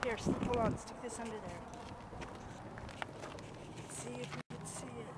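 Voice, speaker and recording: A young woman with a slightly high voice chats casually as she films outdoors in brushy scrubland. She exclaims often and talks like a friend on a day out. Her handheld camera picks up clear wind and handling noise. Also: steady tone, normal speed. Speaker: vlogger filming a geocaching trip. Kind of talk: casual chat while exploring. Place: outdoors, brushy desert lot.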